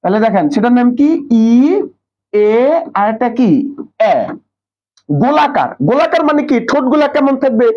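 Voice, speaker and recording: A man's voice: extremely high pitch, expressive, normal speed. A young man teaching a live online class, drilling students with questions and repeating answers. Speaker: online tutor. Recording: dull lo-fi live stream audio.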